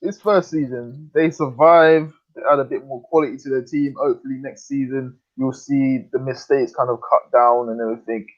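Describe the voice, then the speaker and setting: A man's voice: medium pitch, steady tone, normal speed, few pauses. A man debating football casually, insistent and repeating himself, on lo-fi audio. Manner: insistent, repetitive.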